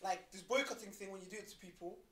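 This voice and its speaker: Young guy rambling fast on a podcast, roomy echo. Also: high-pitched, sharp tone. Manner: chatty, loose storytelling. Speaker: podcast co-host. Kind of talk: casual chat.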